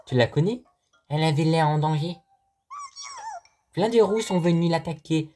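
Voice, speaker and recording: A man voicing a small, timid forest creature in a game, squeaky and whiny, with faint game music behind. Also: moderate pace, mellow, a little hiss or hum, natural voice. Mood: chatty.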